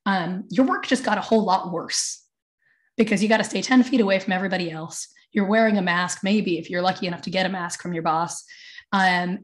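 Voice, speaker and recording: A woman with a tired voice, speaking as a panelist on a webinar from her own room over a video call, chatty, with many fillers and asides. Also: on the low side. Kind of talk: webinar talk. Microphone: computer mic on video call.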